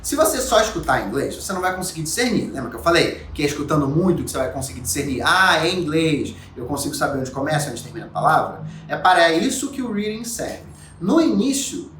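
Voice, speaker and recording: A man from Brazil teaching English to camera, animated, asking rhetorical questions and voicing the viewer's doubts. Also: high voice, a little hiss or hum. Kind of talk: YouTube lesson to camera. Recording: echoey room, mic at a distance.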